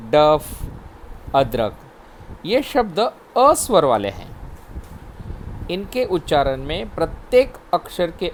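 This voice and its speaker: A man leads a children's Hindi lesson, his voice a little high and moving widely in pitch. He drills words one syllable at a time at an unhurried pace and keeps checking in with "okay, children". Faint air-conditioner hum and passing traffic sit underneath. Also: poor audio. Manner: slow, spelled-out word drills. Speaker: teacher. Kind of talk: primary school Hindi lesson.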